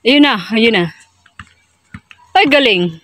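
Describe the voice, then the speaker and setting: A woman's voice: fairly high pitch, animated, takes it slowly, a bit bright. A woman vlogger giving a casual, chatty tour outdoors, exclaiming and repeating short phrases, on amateur audio. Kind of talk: casual handheld resort tour narration. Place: outdoors at a resort.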